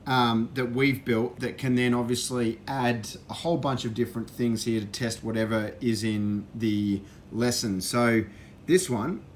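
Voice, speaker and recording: A man walking through an educational software system, explaining it in a relaxed way with fillers. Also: medium pitch, a little slow, a little hiss or hum. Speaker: presenter demonstrating software. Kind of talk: casual walkthrough.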